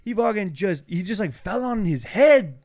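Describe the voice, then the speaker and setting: A man voicing a rowdy young male convenience-store clerk who swears loudly and excitedly. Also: high voice, normal speed, no room sound, studio quality, pitched above the performer's own voice.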